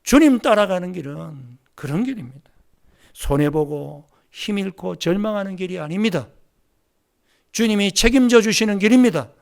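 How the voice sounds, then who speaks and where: A man preaching a sermon as pastor at a church service, telling stories in an animated way and acting out the dialogue. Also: high-pitched, moderate pace, gravelly.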